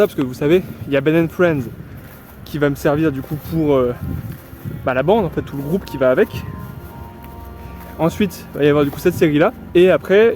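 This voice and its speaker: A man's voice: fairly high pitch, darkish tone. A young man vlogging casually as he walks through a forest, rambling in a chatty, upbeat way. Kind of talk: casual walking vlog. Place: outdoors in a forest.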